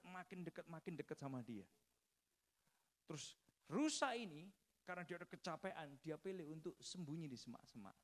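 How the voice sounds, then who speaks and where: A man preaching a sermon, telling a story and often addressing the congregation directly. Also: high-pitched.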